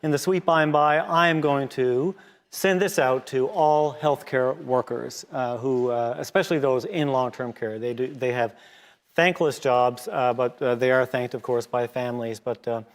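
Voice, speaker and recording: A church music leader with a Newfoundland English accent introduces singers as part of a hymn program, speaking in the reverberant sanctuary. His medium-pitched voice keeps a steady tone, but he's halting, with many filler pauses.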